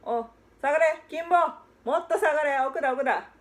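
A woman voicing a gruff working-class father who talks bluntly in rough street speech, in a rakugo-style stage story. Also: high voice, normal speed, lightly acted. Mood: excited. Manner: blunt, brusque, rough old-Tokyo street talk.

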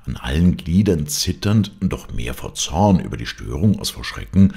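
A man's voice: very deep voice, very animated, moderate pace, vocal fry, mellow. A man narrating a literary fairy tale as an audiobook, telling it expressively.

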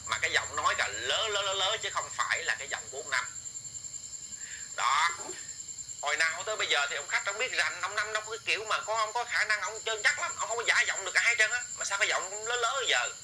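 Male storyteller, very bright sharp voice, repeats himself, chatty, faint background noise. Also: high voice, expressive, quick pace, rough recording. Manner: rambling with many repeated words, addresses listeners directly. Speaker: ghost story vlogger. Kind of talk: casual oral storytelling.

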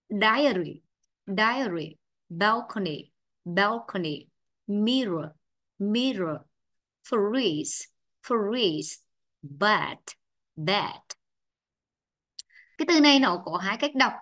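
Slow-paced teacher with a Vietnamese accent. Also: female voice, mid-range voice, a bit bright. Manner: drills vocabulary, saying each word twice; switches to explanations in her own language. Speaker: English teacher. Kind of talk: online English lesson.

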